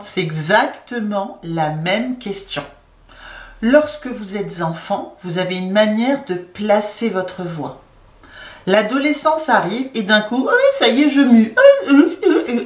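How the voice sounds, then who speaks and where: A woman's voice: medium pitch, recorded from a distance. A woman teaching singing, explaining vocal registers and breaking into short sung demonstrations. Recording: echoey room, voice a bit off mic.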